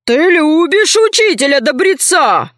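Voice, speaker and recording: A woman reading a story, voicing a masked male tyrant general who talks in a slow, booming, condescending way. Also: very animated, fairly bright tone, no room sound, clean studio sound, heavily acted. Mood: mocking. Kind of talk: audiobook character voice.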